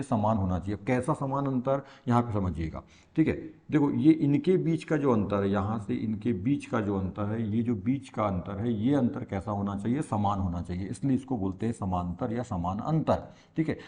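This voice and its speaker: A man's voice: medium pitch, a little mellow, highs cut off. A man teaching a maths lesson in Hindi-accented speech, explaining patiently and repeating key points with questions to the class. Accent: Hindi-speaking India.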